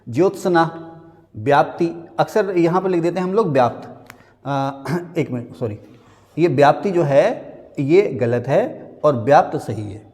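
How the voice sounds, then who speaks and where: Male teacher, a touch high, drills correct spellings in a reverberant space. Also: darkish tone. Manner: drills words, stating the wrong and the right spelling again and again; slows right down to spell a word out. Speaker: Hindi grammar teacher. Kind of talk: classroom-style spelling lesson.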